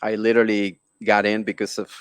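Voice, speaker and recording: A tech entrepreneur is interviewed over a video call, chatting informally and often tacking on "right?" and "you know?" as little check-ins. His voice sits on the low side, monotone and brisk, with a clean tone. The recording is dry and studio quality.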